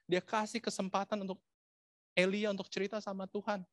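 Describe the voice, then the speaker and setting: A man preaching a sermon, dramatic and swinging from loud to hushed, asking the congregation rhetorical questions and mixing in English phrases. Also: sits high, level tone, a little fast, dry recording, clean studio sound.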